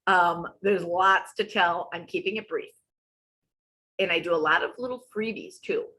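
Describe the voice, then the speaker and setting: A woman's voice: fairly low pitch, moderate pace, pushed and bright, low-quality recording. Chatty woman in her sixties. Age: 60s. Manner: chatty, wanders off on tangents. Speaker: wellness coach. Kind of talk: casual presentation over slides.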